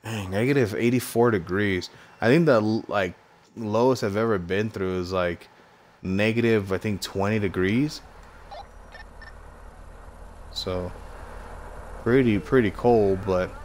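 Casual male gamer, American accent, unhurried and slightly low-pitched, muttering slangy thoughts as he plays. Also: darkish tone, slight background noise. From United States. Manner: slangy, thinks aloud in short remarks. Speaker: gamer recording gameplay commentary. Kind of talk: casual gameplay commentary.

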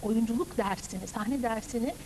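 A woman's voice: fairly high pitch, darkish tone, slight background noise, rough recording. A woman in her fifties, an opera director and teacher, explaining at length in a studio TV interview on a lapel mic. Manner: measured, explanatory, lecturing.

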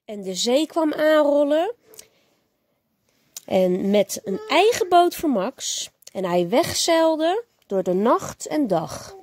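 A woman teacher reading a bedtime story aloud to a child, gentle and expressive. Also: high voice, takes it slowly, no echo, clean studio sound.

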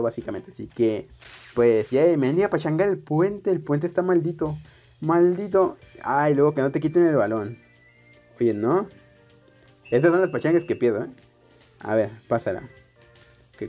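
A young man narrates a video game in a loose, rambling way, talking straight to his viewers. He mocks himself as he plays. His voice sits at an ordinary middle pitch, and soft music plays behind it. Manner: rambling, self-mocking, chats to viewers. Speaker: let's play gamer. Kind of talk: casual gameplay commentary.

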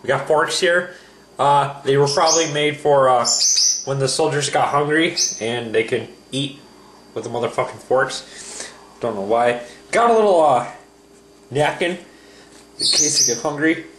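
A young American man giving a casual mock product review in a deadpan, halting, sweary way on a handheld camera at home. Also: mid-range voice. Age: young adult. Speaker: video host. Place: indoors at home. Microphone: handheld camera at arm's length. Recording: echoey room, noisy handheld camera audio.

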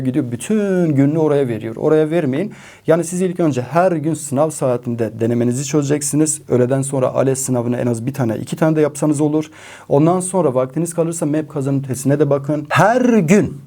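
A man's voice: a little high, mellow. A male math teacher giving emphatic exam-prep advice to students, repeating key points and speaking with a regional dialect.

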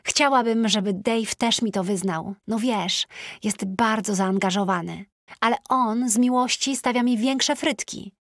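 A woman's voice: on the high side, a little slow, no echo, clean studio sound. A woman reading as a gushing teenage schoolgirl. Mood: dreamy. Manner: excitable, breathless gushing.

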